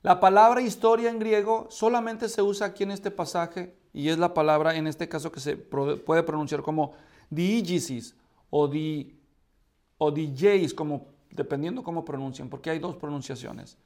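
A man's voice: fairly high pitch, fairly even intonation, moderate pace, a little mellow. A man teaching a church history class, asking his students questions and checking in with them often. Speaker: Bible teacher.

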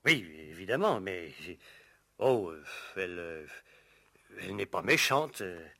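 A man's voice: low-pitched, big pitch swings, a little slow, creaky, bright, forceful tone, heavily acted. An actor playing a gossipy male household servant in an old radio play, hesitant and full of fillers before tattling eagerly.

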